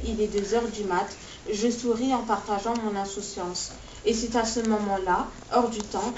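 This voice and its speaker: A woman's voice: a little high, darkish tone, a little hiss or hum. Woman reading her novel aloud. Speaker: author reading from her book. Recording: distant, echoey, dull-sounding recording.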